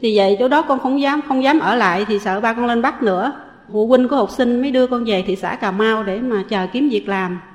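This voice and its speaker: A middle-aged woman with a southern Vietnamese accent, earnestly confessing her past in a halting way with frequent pauses. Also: on the high side, big-room sound. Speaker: testifying lay Buddhist. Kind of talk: personal confession.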